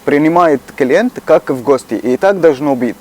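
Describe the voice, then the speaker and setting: A shopkeeper who is a native Arabic speaker with an Egyptian Arabic accent talks earnestly in a casual chat, pausing to find his words. His voice is a little high and expressive.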